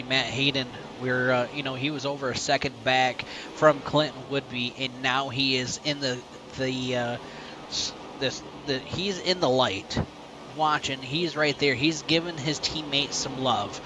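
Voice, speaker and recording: A man calling a sim race as play-by-play commentator, talkative and building excitement toward the finish. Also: medium pitch, unhurried, noisy background.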